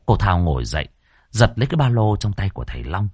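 A man narrating a ghost story in an expressive, dramatic way, close to the microphone. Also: low voice, quick pace, breathy edge, no echo.

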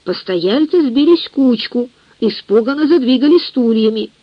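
A woman giving a measured, expressive reading of a novel as an audiobook narrator. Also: on the high side, husky, no echo. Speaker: audiobook reader. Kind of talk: scripted literary narration. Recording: muffled lo-fi dry recording.

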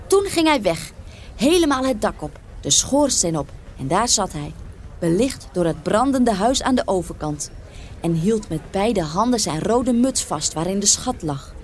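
A woman with a medium-pitched voice reads a fairy tale as an expressive storyteller, using dramatic, deliberate phrasing.

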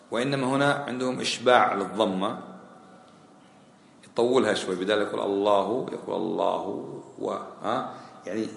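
A man's voice: fairly low pitch, creaky, fairly bright tone. A man teaching a colloquial lesson on prayer rulings, questioning his students and repeating key phrases. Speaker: sheikh teaching a fiqh lesson. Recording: echoey hall with faint ambient noise.

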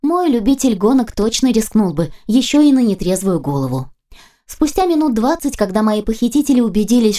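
A woman reading a first-person audiobook aloud in a lively, ironic manner. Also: a little high. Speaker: audiobook narrator.

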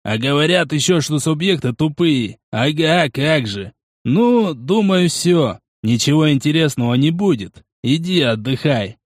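A man voicing a gruff, grumbling foreman in an audiobook, drawling his words. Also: fairly high pitch, expressive, no room sound, studio quality. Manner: slow, grumbling.

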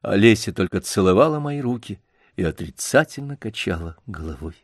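A man's voice: on the low side, animated, brisk, no echo, studio quality. Man reading a classic novel aloud. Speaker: audiobook reader. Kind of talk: scripted narration.

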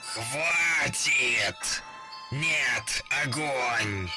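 A man voicing a hoarse dead miller worm-puppet. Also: mid-range voice, expressive, over music. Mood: pleading. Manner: broken, halting speech, hoarse. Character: dead male miller corpse moved by worms. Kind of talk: audiobook character voice.

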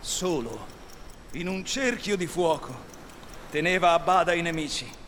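A man's voice: fairly high pitch, lively intonation, a little slow, in a large hall, background noise. A man giving a dramatic, theatrical storybook reading on the radio. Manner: theatrical, varied delivery. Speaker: story reader.

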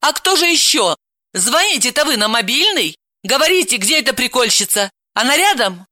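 A woman voicing a hot-tempered young woman who scolds and snaps in a high, indignant voice, in a storybook reading. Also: very animated, normal speed, pushed and bright, no echo, clean studio sound. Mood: scolding.

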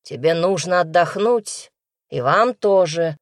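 Woman reading as a stern male healer in a storybook, curt and firm with his orders. The voice sits low and measured, dry and close to the mic. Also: expressive, no echo.

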